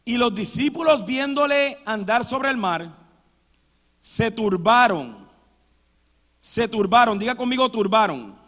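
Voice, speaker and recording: A man preaching a sermon in a church, with sudden loud dramatic outbursts. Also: very high voice, a little slow. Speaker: pastor. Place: church sanctuary. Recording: long church hall reverb.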